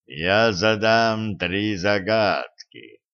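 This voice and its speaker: A giant male stone monster rumbles out his threats in a booming, hollow voice, as a male audiobook reader puts him on. He drags each word out slowly and mockingly, low in pitch. The recording sounds dull and lo-fi. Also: fairly bright tone, smooth, heavily acted. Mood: menacing. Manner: slow, drawn-out threatening speech.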